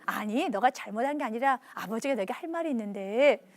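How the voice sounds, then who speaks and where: A woman voicing a calm middle-aged father who explains himself patiently during a sermon. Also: on the high side, fairly quick, pitched below the performer's own voice. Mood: calm explaining.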